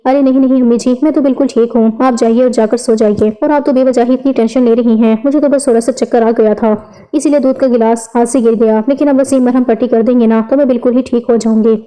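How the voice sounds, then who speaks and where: A woman voicing a frightened young wife in a read-aloud story, speaking in a soft, pleading way. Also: fairly high pitch, fairly even intonation, clear, resonant tone, natural voice, low-quality recording.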